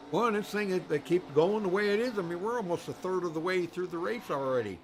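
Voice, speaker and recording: A man's voice: high voice, animated, fast talker, a little hiss or hum. A man doing live race commentary in a rambling, folksy way, full of fillers. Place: commentary booth at a racetrack.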